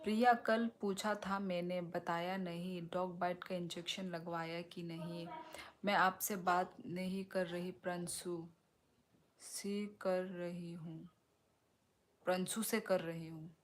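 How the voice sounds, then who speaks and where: Slow, unhurried woman chatting on a live stream. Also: on the low side, fairly even intonation, a little hiss or hum. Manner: unhurried, teasing, reads comments aloud and answers. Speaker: live streamer reading viewer comments. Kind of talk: casual live-stream chat.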